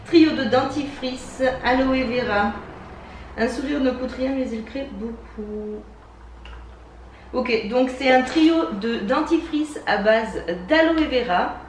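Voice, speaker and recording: A woman casually reviewing beauty box products, chatty and enthusiastic, often pausing with fillers, recorded indoors at home. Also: high voice, far from the mic. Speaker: beauty box unboxing vlogger. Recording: roomy sound from a mic set back, faint hiss.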